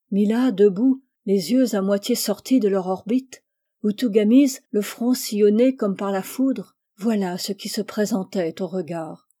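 Woman reading a book out loud, measured, expressive, warm dark voice. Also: medium pitch. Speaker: reader. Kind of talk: reading a novel aloud.

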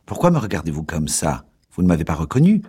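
A man's voice: low voice, wildly swooping pitch, fast talker, warm tone, breathy edge, heavily acted. A man as a feverish, brusque young man. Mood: curt. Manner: brusque, curt replies. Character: feverish, tense young man pawning an item, curt.

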